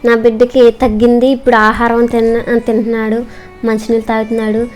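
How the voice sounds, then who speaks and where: Young mom sharing her church testimony, earnest and quick, voice a bit high. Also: level tone, darkish tone, soft background music. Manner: earnest, polite, quick storytelling. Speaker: mother giving testimony. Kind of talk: personal religious testimony.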